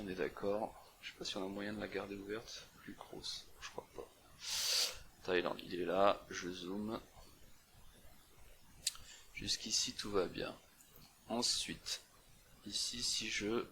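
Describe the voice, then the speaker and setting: Young male presenter, low and gravelly, casual think-aloud walkthrough with frequent fillers, faint hiss behind. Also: fairly bright tone. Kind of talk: casual screen-recorded walkthrough.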